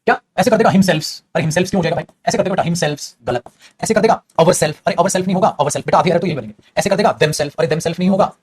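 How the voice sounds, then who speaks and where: A man teaching English grammar in a rapid, chatty classroom style. His voice sits a little high and is very husky, and he keeps addressing his students fondly. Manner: fast, chatty, calls students "beta". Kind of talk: classroom grammar lesson in Hindi.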